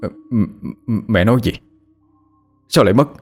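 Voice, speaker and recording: A man's voice: lowish voice, normal speed, faint music behind, close to an everyday voice. A man voicing an injured young husband who anxiously stammers questions about his wife. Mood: distraught. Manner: urgent, stammering.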